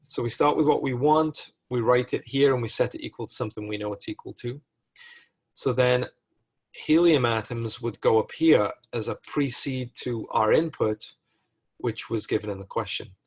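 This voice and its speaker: A man lecturing through chemistry exercises in a recorded lesson, at a middle pitch. He reasons aloud and stops to correct himself partway through sentences. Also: moderate pace, husky.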